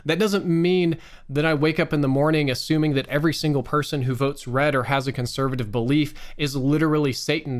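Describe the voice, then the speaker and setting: An American man giving a candid, exasperated rant to his viewers, swearing freely and stressing words by drawing them out. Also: mid-range voice. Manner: profane, exasperated. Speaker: online streamer.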